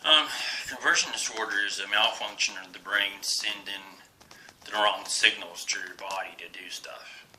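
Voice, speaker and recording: A man in his forties talks straight into his camera in a confessional vlog. His voice sits very low and has a strained, forceful edge. He speaks haltingly with many fillers, sometimes sinking to a near whisper, over a faint hiss. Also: poor audio. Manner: drops to a soft whisper at times. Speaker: vlogger. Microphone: camera he faces while recording.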